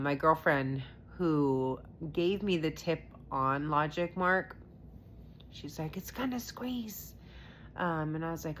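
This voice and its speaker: A woman's voice: low voice, a bit bright, a little hiss or hum. A stay-at-home mom chatting casually about her trades, rambling with lots of fillers and restarts. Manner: acts out her own past reactions in quotes. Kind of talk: casual rambling vlog chat.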